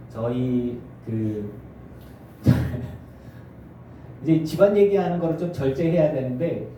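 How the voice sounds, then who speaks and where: A middle-aged male pastor preaching a sermon, animated and acting out family scenes in character voices. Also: medium pitch, a little hiss or hum. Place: church sanctuary. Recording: echoey church from far off.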